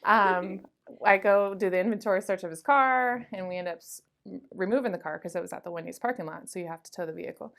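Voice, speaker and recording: A woman in her late thirties, a school resource officer, telling lively anecdotes in a casual interview, with lots of "like" and "um". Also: medium pitch, quick pace, creaky. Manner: chatty, lively anecdotes with frequent "like" and "um".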